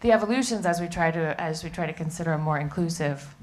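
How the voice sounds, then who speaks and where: Nervous woman in the audience asking the panel something, low shaky voice. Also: quick pace. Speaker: audience member asking a question. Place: museum event room.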